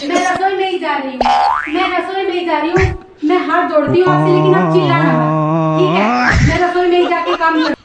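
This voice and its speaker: A woman's voice: very high-pitched, lively intonation, fairly quick, over loud music. A woman playing an exasperated young daughter-in-law who pleads and defends herself in a comic sketch. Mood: defensive. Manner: pleading, defensive, half laughing. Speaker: comedian. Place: home kitchen. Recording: very echoey room, mic far off, loud noise.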